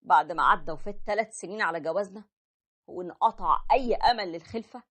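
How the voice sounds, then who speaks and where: A woman's voice: on the low side, fast, natural voice. A woman voicing a tender, apologetic young husband who narrates his own story, with an Egyptian accent. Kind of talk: animated story voice acting.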